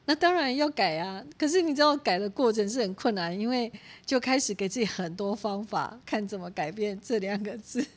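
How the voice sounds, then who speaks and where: A woman's voice: mid-range voice, a little fast. A woman in her forties with a Taiwanese Mandarin accent, a pastor's wife giving a teaching talk full of personal stories, acting out quotes and laughing often. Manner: animated storytelling, acts out quoted speech, laughs often.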